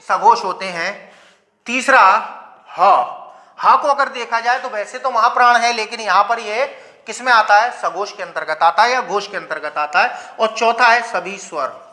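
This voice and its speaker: Here a male grammar teacher lectures his viewers classroom-style, asking rhetorical questions he then answers and guiding them through pronunciation drills. He speaks at a moderate pace in a high, pushed, bright voice.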